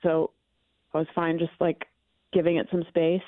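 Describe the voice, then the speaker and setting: Calling into a morning radio show, a woman comes through on speakerphone over a tinny phone line, reluctant and uneasy as she discusses an awkward matter with a friend. Her voice is low and level, her pace moderate, with no echo.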